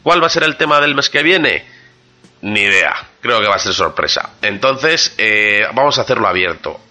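A man's voice: lowish voice, animated, normal speed, pushed and bright. A man with an accent from Spain, hosting a podcast and chatting casually to listeners. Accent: Spanish from Spain. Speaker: podcast host.

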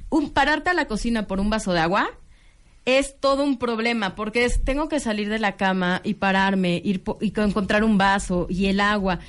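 A woman's voice: mid-range voice, moderate pace. A woman with a Mexican Spanish accent, speaking as a guest and candidly telling her own story, earnest and frank, with restarts and acted-out quotes. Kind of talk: candid conversational testimony.

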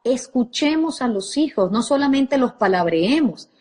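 A woman's voice: a little high, lively intonation, unhurried, warm tone, husky. A woman parenting coach, speaking expressively and directly to a live audience.

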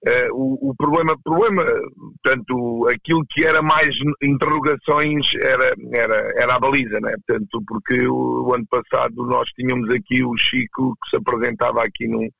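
A man with a European Portuguese accent answering as a coach in a casual interview, halting and repeating words as he goes. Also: mid-range voice, lively intonation, gravelly, dry recording, lo-fi sound. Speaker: roller hockey coach, interview guest.

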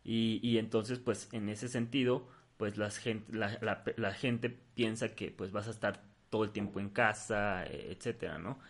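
A man's voice: fairly low pitch, fairly even intonation, unhurried, few pauses. A man co-hosting a podcast in casual chat, with a hesitant way of talking full of fillers and restarts. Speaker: podcast co-host.

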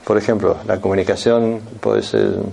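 Man, lecturer, husky gravelly voice, explanatory tone. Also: lowish voice, fairly even intonation, moderate pace, warm tone. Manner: explanatory, addresses the audience directly with frequent asides. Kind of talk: classroom lecture.

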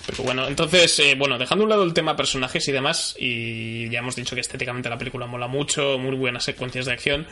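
A man co-hosting a casual film review talk, speaking in a measured way and steering the discussion. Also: mid-range voice, pushed and bright. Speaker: podcast co-host.

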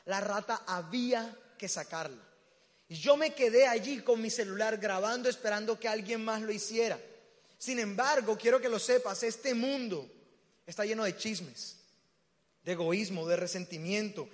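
A young man, preaching and telling a story with acted-out voices and sudden shouts. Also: sits high, normal speed. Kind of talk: storytelling sermon. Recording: reverberant hall.

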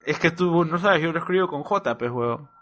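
A man's voice: a little high, a little fast, a bit bright. A man hosting a casual podcast chat, joking and using crude slang over a voice call. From Peru. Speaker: podcast host.

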